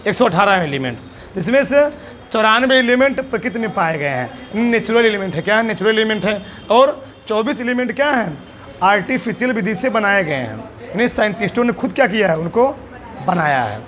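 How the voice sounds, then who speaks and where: High, bright-voiced male teacher quizzing. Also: lively intonation, a little fast. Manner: quizzing, asks then answers his own questions; emphatic, drills answers by repetition. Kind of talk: classroom lecture.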